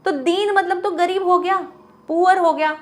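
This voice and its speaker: High-voiced woman teaching Hindi grammar. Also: steady tone, normal speed. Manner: explains patiently, repeats words to model pronunciation; asks the class questions and answers them herself. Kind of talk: Hindi grammar lesson for students.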